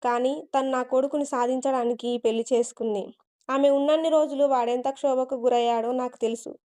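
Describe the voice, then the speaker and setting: A woman's voice: high-pitched, fairly even intonation, fairly quick, mellow, natural voice. A woman doing a stern, commanding old father. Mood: firm. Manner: harsh, scolding.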